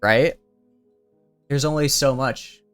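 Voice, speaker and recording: Soft background music plays as a young male streamer takes it slowly, giving casual, rambling gameplay commentary with plenty of fillers and restarts as he thinks aloud. His mid-range voice is smooth, clean, and youthful, recorded close and dry with no echo or room sound.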